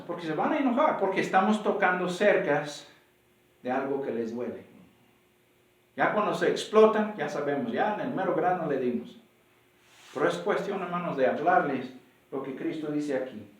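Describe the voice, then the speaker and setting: A man with a Mexican accent preaching a sermon, acting out short dialogues to make his point. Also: normal speed. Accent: Mexican Spanish. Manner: animated, acts out dialogues with rising pitch. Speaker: pastor. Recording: echoey room, voice from far off.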